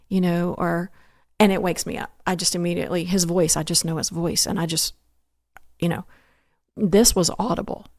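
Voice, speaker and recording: A woman guest on a podcast interview, earnestly telling a faith story, halting with restarts and fillers. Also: lowish voice, darkish tone, no room sound, clean studio sound.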